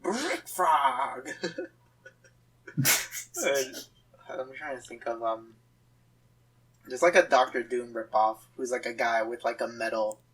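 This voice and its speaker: A man's voice: mid-range voice, fairly bright tone, poor audio. A man in his twenties, a guest artist, chatting casually and joking with frequent laughs. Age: 20s. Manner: giggly, joking, quick to laugh. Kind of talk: casual chat while sketching.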